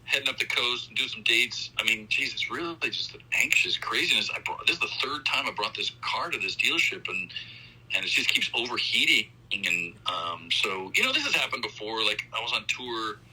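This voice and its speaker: Man, rambling interview guest, very bright tone, a bit husky, phone line audio. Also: on the low side, very animated, fairly quick. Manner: rambling, loose, peppered with "you know" and "like". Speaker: musician guest. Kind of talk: casual interview chat.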